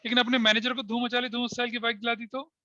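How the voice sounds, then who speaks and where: Male accounting teacher, bright forceful voice, dry close sound, a little muffled; lectures by asking and answering his own questions. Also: extremely high pitch, little pitch movement, racing, no room sound. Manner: explains terms by asking the class and answering himself, mixing in English phrases. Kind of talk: classroom lecture.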